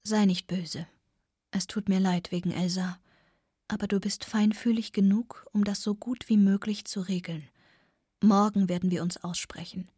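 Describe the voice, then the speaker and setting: Woman reading a soft-spoken gentle lady. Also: medium pitch, level tone, husky, no room sound, clean studio sound, lightly acted. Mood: tender. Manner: quiet, soft and slow. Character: gentle, composed grown woman speaking tenderly.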